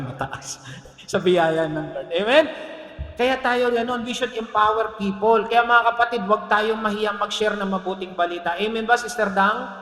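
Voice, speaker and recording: A man preaching a lively, joking sermon as a pastor, often laughing and asking "Amen?". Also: high voice. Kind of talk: Taglish sermon. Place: church hall. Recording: echoey hall with long reverb.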